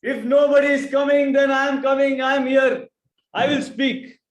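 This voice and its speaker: Brief: man playing an eager, insistent Afghan stranger, very high voice, roomy sound. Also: little pitch movement, moderate pace. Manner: insistent, short simple sentences. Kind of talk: drama-in-education role-play.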